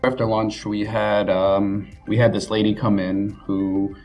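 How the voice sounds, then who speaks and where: A man's voice: lowish voice, little pitch movement, a little slow, darkish tone, faint music behind. A man working as an automotive technician, recounting his work in a plain, matter-of-fact way in a casual interview.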